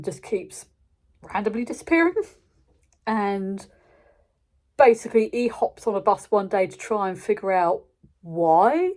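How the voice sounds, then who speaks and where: Speaking in a mellow, medium-pitched voice, a British channel host chats through a review without a script. Her delivery is loose and rambling, full of self-interruptions.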